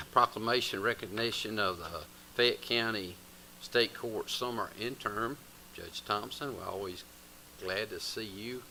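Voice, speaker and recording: A man's voice: lowish voice, a little slow, bright, forceful tone. A man with a Southern US accent chairing a county commission meeting in an informal procedural way. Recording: very noisy meeting room microphone.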